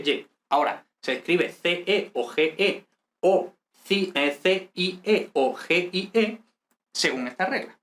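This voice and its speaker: A man with a somewhat high-pitched voice walks through a grammar lesson. He explains patiently and methodically, pausing often to check that his viewers follow. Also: a bit bright. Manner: patient, repeats "¿vale?" to check understanding. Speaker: language teacher. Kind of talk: explaining grammar in a video class.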